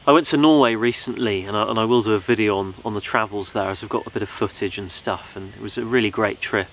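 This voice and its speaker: A man's voice: lowish voice, fairly bright tone, a little hiss or hum. A young man hosting a bushcraft channel, casually talking through his gear outdoors in a forest, rambling with many ums and you knows.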